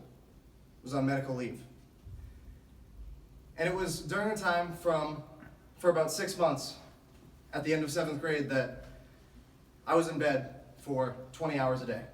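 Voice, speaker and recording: A man giving a motivational speech to a sports team, telling his story in an earnest, deliberate way with emphatic phrases. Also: on the high side. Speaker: motivational speaker. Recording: echoey room, distant microphone.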